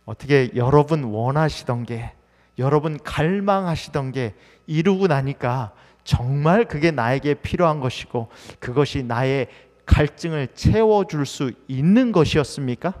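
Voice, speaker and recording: A man's voice: a little high, animated, measured pace, a little mellow. A male pastor preaching a sermon in a conversational way, asking the congregation many questions. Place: church sanctuary. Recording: long hall reverb.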